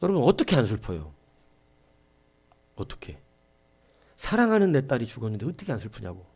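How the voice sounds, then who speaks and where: A middle-aged male pastor preaching a Sunday sermon with passion, dropping to a hush and rising to shouts, acting out quoted voices. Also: medium pitch, huge pitch swings, a little fast, breathy edge. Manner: impassioned preaching, swinging from hushed to shouting.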